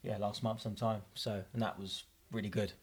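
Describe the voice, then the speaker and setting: A man's voice: on the low side, little pitch movement, a little fast, breathy edge. A young man from northwest London, a heating installer, chatting modestly and easily in an interview. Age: young adult. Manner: modest, easygoing. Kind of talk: casual interview chat.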